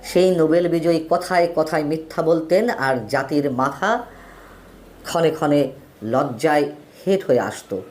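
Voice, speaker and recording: Brief: male host, solo political commentary, emphatic with wide pitch swings, rattles off lists. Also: a little mellow, a little hiss or hum. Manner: emphatic, pitch swings widely between phrases; lists names in quick runs. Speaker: political talk show host.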